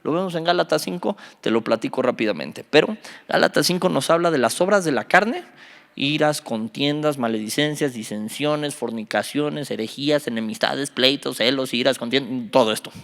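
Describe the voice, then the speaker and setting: A man, a youth pastor teaching a Bible study, animated and joking, quizzing his listeners. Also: medium pitch, normal speed, vocal fry. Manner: animated, quizzes the audience, jokes. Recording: reverberant hall.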